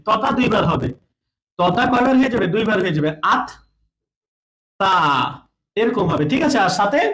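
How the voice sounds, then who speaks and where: High-voiced man teaching step by step. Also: a bit bright, slight background noise, rough recording. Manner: asks questions and answers them himself; repeats key points. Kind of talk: spoken lesson at a board.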